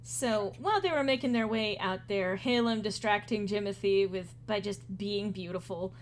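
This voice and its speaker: A woman narrating a tabletop game as game master, relaxed and chatty, often laughing. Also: mid-range voice, normal speed, slight background noise.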